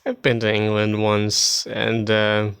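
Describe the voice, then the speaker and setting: Dry, teasing man with a smooth voice. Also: fairly low pitch, monotone, takes it slowly, fairly bright tone. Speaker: podcast co-host. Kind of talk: casual chat.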